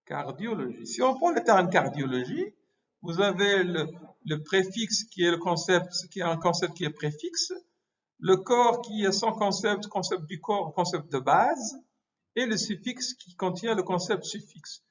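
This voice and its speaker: A man giving a medical lecture, halting often with hesitations and self-corrections. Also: high-pitched, expressive. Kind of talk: explanatory lecture. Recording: muffled lo-fi recording.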